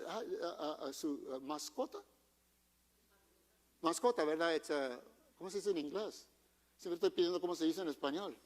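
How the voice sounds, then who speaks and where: A male pastor preaches in a high, light voice. He keeps it conversational, tossing questions to the congregation and mixing in English phrases. His voice rings with long reverb in a church auditorium. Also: fairly bright tone. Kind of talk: bilingual sermon.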